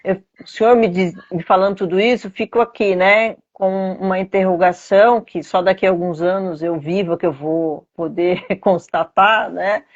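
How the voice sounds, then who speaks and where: A woman with a Brazilian Portuguese accent hosts a live video interview. She speaks in an agreeable way, often with short affirmations, at a middle pitch. Her web stream audio sounds dull and lo-fi. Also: steady tone, moderate pace, hardly any pauses. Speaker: host, interviewer. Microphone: video call.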